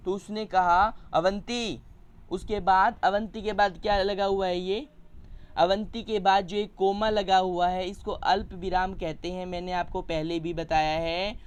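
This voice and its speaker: A man's voice: high voice, smooth. A man teaching a primary school Hindi class over a video call, patiently explaining words and coaxing children to read aloud. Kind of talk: online class lesson.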